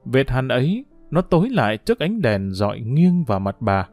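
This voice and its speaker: A man's voice: mid-range voice, very animated, moderate pace, darkish tone, faint music behind. A man narrating a story as an audiobook, reading expressively.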